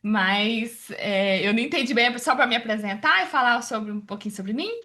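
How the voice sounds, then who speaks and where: A woman in her forties from the interior of Goiás, Brazil, introduces herself on a video call as a workshop participant. She speaks at normal speed in a fairly high voice, warm, chatty and religious, with lots of fillers like "né."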